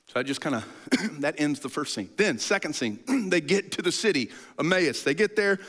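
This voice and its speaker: Animated, high-voiced male preacher. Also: moderate pace. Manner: animated storytelling, frequent throat clearing. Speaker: pastor. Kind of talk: sermon.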